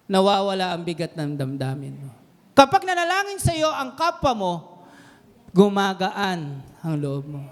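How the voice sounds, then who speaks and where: A man preaching a sermon to a congregation, animated and mixing English phrases in, often putting questions to his listeners. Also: extremely high pitch. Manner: animated, mixes English into Tagalog, quizzes the congregation. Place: church hall. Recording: long hall reverb.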